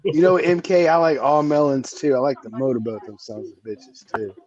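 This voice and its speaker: A man's voice: medium pitch, fairly even intonation, moderate pace, distant mic, muffled recording, over a noisy crowd. A man on a live comedy podcast panel, rambling and swearing as he tells stories. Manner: rambling, profane, laughs at himself. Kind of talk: casual live stream chat.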